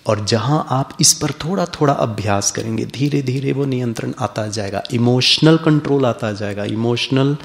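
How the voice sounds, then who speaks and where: A man's voice: medium pitch, normal speed, gravelly, hardly any pauses. A man giving a playful spiritual lecture to a live audience, coaxing them through a smiling exercise. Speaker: spiritual speaker.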